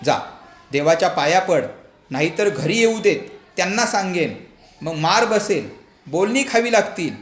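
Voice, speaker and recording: Man reading as a strict loving mother, scolding, lively rising voice, roomy echo. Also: high voice, measured pace. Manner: scolding, insistent. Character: stern but loving village mother. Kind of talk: storybook reading. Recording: echoey room, faint background hum.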